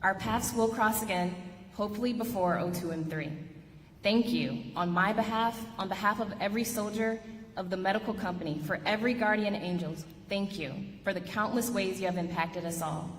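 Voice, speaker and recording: A woman giving a formal podium speech as an outgoing army commander, in measured short phrases. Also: medium pitch. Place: large echoing ceremony space, addressing an audience. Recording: echoey hall, noisy, long reverb.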